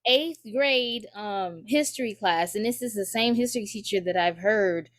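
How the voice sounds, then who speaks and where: A woman speaks as a student at a community forum, giving personal testimony in an earnest, searching way. Her voice sits in an ordinary middle range. She often pauses on fillers and restarts her sentences. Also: medium pitch.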